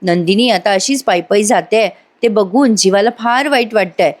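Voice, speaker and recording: A woman's voice: mid-range voice, normal speed. A woman narrating a voice-over review, retelling a TV serial episode in a chatty storytelling way.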